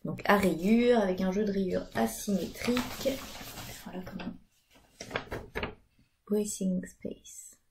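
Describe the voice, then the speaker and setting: A woman's voice: mid-range voice, measured pace, noisy background. A woman in her thirties, chatting casually about her knitting with many fillers. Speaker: knitting vlogger. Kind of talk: casual chat.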